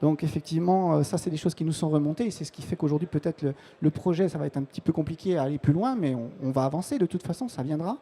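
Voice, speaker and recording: A man's voice: a little high, quick pace, few pauses, warm tone, slightly rough. A man, a technical support manager, giving a live conference presentation on a trade-show floor, informal and full of restarts and fillers.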